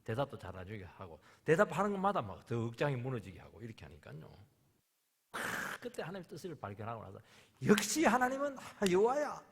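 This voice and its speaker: A man preaching a sermon as pastor, impassioned, swinging between loud outbursts and hushed whispers. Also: medium pitch, very animated, fast, husky. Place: church sanctuary. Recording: long church reverb.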